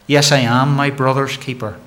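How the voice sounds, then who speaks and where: A man's voice: medium pitch, little pitch movement, moderate pace, fairly bright tone, slight background noise. Earnest male minister preaching. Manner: earnest, exhorting, repeats words when starting phrases. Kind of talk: sermon.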